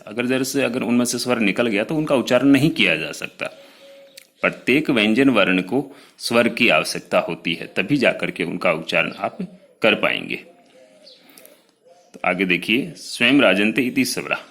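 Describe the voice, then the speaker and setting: Bright-voiced male teacher explaining slowly. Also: on the low side. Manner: explains slowly, spelling out sounds one by one; addresses students directly, pointing to written notes. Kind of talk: classroom lecture.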